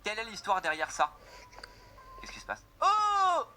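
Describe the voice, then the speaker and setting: A young man giving casual, excitable gameplay commentary, joking with his viewers. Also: high-pitched, a little fast, noisy background. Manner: excitable, jokey, addresses viewers as "les gars". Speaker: gaming video creator.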